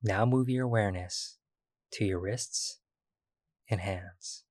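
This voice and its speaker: A man guiding a body-scan meditation, speaking slowly and soothingly with long pauses. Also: lowish voice, darkish tone, no echo, studio quality. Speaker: meditation guide.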